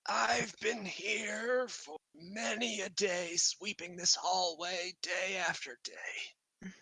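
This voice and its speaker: A man voicing an old male kobold servant who speaks slowly with polite, formal courtesy. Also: high-pitched, steady tone, gravelly, bright, forceful tone, husky, no room sound, pitched above the performer's own voice, exaggerated voice. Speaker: game master. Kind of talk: tabletop role-play voice.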